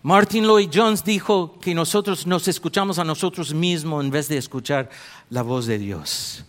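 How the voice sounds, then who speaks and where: High-voiced man preaching a lively sermon. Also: normal speed. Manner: animated storytelling, rising to emphatic exhortation. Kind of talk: sermon with anecdotes.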